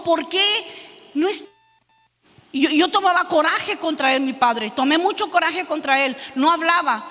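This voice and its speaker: A woman giving an earnest testimony in a church, telling her story haltingly with many restarts. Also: very high voice, fairly bright tone. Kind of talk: sermon testimony. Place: church hall. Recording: long hall reverb.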